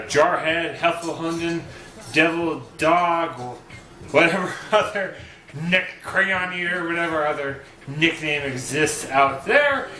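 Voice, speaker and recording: A man's voice: fairly high pitch, bright, forceful tone. Casual joking man in an echoey room. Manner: rambling, joking, conversational. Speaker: vlogger giving boot camp advice. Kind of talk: casual advice talk. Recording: roomy echo, faint hiss.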